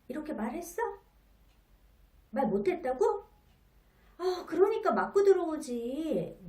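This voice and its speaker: Exasperated mother played by a woman, scolding, loud, high, roomy. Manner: loud, reproachful, rising. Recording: roomy, from a distance.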